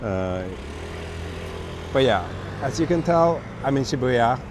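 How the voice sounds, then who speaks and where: Hoarse from a cold, a livestream host speaks in a slightly broken, medium-pitched voice at a slow pace, chatting easily and reading out viewer comments during a live walk through busy city streets at night. A small wireless clip-on mic picks up his voice along with clearly audible traffic and street noise.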